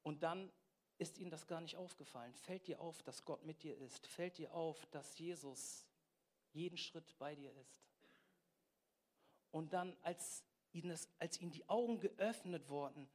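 A man preaching a sermon with passion, swinging between quiet intensity and loud exhortation, often putting questions straight to his listeners. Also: on the high side, unhurried. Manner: asks the audience direct questions.

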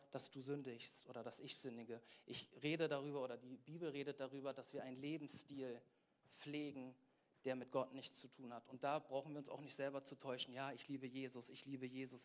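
A man preaching a sermon with passion, swinging between quiet intensity and loud exhortation, often putting questions straight to his listeners. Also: mid-range voice, level tone, fairly quick. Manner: asks the audience direct questions.

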